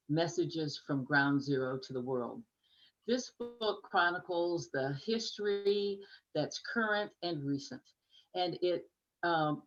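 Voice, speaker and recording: An older woman, a poet, introducing a poetry reading over a video call in a gracious, measured way. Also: low-pitched, a bit bright, highs cut off. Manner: gracious, measured, with small restarts. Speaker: poet and co-host.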